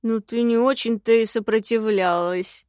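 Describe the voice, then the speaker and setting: A woman's voice: on the high side, fairly even intonation, darkish tone, clear, resonant tone, no room sound, studio quality, lightly acted. A woman voicing a cowardly, sly young husband who drags out his words in a sulky, mocking way. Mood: sulky, snide. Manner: drawn-out, sulky and mocking delivery. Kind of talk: audiobook dialogue.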